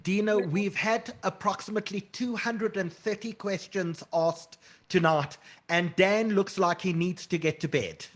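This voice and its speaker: A man moderates a panel, briskly reading out audience questions to the panelists. His voice sits high for a man. He speaks over a video call. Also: fairly even intonation, fairly bright tone. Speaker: webinar host.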